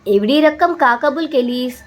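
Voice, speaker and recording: Storybook outlaw, male, commanding and stern, played by a woman narrator; slightly raised pitch. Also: measured pace. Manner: stern, barking orders.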